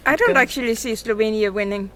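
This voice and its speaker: A woman's voice: on the high side, quick pace, pushed and bright. A woman giving earnest opinions on a panel discussion.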